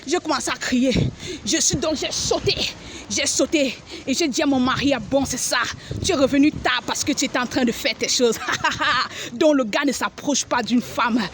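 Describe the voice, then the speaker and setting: A woman's voice: sits high, a little hiss or hum. A woman giving an emotional religious testimony, dramatic and repetitive, crying out as she relives the scenes. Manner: dramatic, repeats phrases, cries out and acts out scenes.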